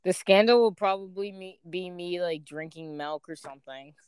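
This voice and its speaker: A woman's voice: fairly low pitch, normal speed, a little mellow, clear, resonant tone. A young woman in her late teens co-hosting a podcast, laid-back and slangy, laughing often. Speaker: podcast co-host. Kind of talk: casual chat.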